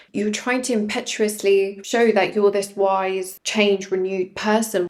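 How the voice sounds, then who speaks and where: A woman giving informal, direct advice to viewers, emphatic and fond of rhetorical questions, recorded in an echoey room at home. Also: medium pitch. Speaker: video creator giving self-development advice.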